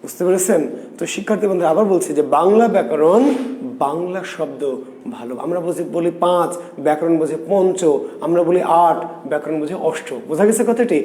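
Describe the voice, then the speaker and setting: A man's voice: on the high side, a little fast, warm tone, echoey room. A man teaching a live online grammar lesson, asking questions, repeating them and answering them himself.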